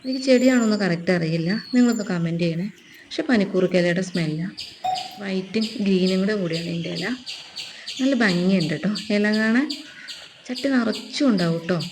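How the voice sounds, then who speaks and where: A woman's voice: medium pitch, brisk, noisy background. A woman with a Keralan accent chatting casually through a gardening vlog, outdoors in a garden, tagging nearly every sentence with a friendly aside. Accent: Keralan Malayalam. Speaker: vlogger. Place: outdoors in a garden with birds around. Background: birdsong.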